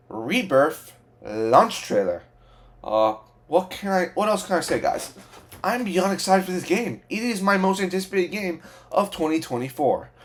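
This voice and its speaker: A man hosting a reaction video as an excited fan, babbling with overexcitement, gushing and repeating himself. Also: a little high.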